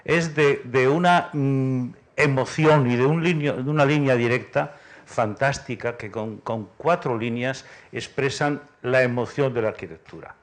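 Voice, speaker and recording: Tentative man commenting, medium pitch. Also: measured pace. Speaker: audience commenter at a conference. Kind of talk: spontaneous commentary.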